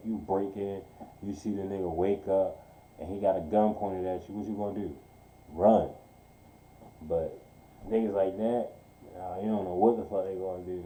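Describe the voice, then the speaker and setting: A man's voice: on the low side, warm tone, echoey room, poor audio. A man streaming live who reacts to a played video with rambling, profane, slang-heavy commentary. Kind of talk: casual live-stream chat.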